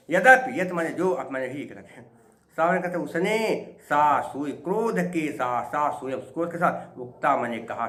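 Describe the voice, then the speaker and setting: Man slowly explaining Sanskrit verse. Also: mid-range voice, a bit bright. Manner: chants verse slowly, then explains quickly with rhetorical questions. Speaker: Sanskrit lecturer. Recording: echoey room with faint ambient noise.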